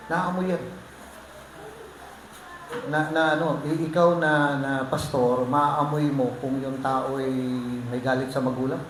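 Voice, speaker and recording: A man preaching a sermon as pastor, joking with and teasing the congregation. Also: medium pitch. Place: church hall. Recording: echoey hall with faint noise.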